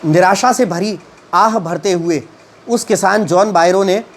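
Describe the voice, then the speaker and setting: In a high voice, a man reads a story's English lines slowly, then goes back to retell and explain them, pausing often and using lots of fillers.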